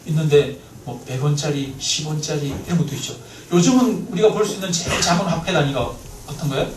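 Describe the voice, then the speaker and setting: A male pastor preaching a sermon in a church, lively, often asking the congregation questions. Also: fairly high pitch, fast talker. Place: church sanctuary. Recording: roomy, mic at a distance, faint noise.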